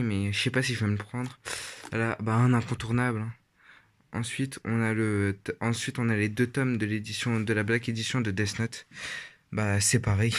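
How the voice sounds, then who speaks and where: A teenage boy talks in a loose, casual way, stopping often on fillers and restarting his sentences. His pitch sits in an ordinary middle range for a young male voice. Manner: rambling, hesitant with many fillers. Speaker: vlogger. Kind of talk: casual shelf tour.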